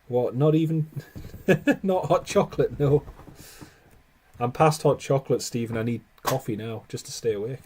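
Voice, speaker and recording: A man's voice: mid-range voice, normal speed, a little mellow, a little hiss or hum. A man hosting a live stream with casual, chatty commentary.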